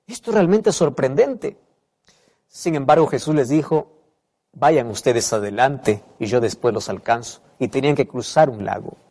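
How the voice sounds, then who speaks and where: A man's voice: medium pitch, darkish tone. Emphatic male preacher in a reverberant hall. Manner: emphatic, repeats key phrases, asks the listener questions. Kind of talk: sermon.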